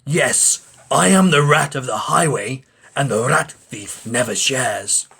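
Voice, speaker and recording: A man voicing a greedy, bullying rat bandit in a storybook, with scornful, bellowed, drawn-out commands. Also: mid-range voice, vocal fry, a bit bright, husky, heavily acted. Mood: menacing, scornful. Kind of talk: storybook character voice.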